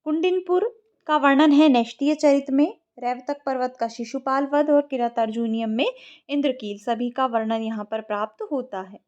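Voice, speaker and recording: High-voiced woman teaching Sanskrit. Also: darkish tone, muffled recording. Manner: patient, repeats words slowly to model pronunciation. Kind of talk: exam-prep lesson.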